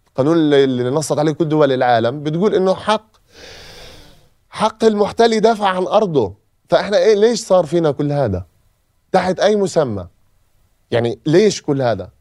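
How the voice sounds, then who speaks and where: In clean studio sound with no echo, a man from Gaza speaking with a Palestinian Arabic accent shares an emotional personal testimony on a podcast, repeating phrases for emphasis. He talks fast and animatedly, on the high side and a little mellow, with long pauses.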